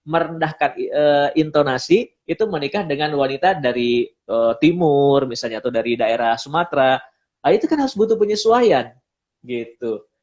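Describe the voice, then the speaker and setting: A man's voice: mid-range voice, highs cut off. A man giving a casual pre-marriage seminar talk, explaining points and acting out quoted speech. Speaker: pre-marriage class speaker.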